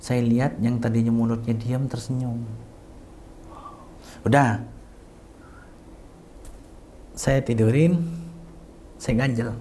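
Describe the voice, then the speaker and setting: Middle-aged guy telling a heavy personal story, mellow voice, plays out the dialogue, goes hushed sometimes, faint hiss behind. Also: mid-range voice, little pitch movement, unhurried, long pauses. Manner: emotional retelling that acts out quoted dialogue; drops to a hushed near-whisper at tender moments. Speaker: community founder, interview guest.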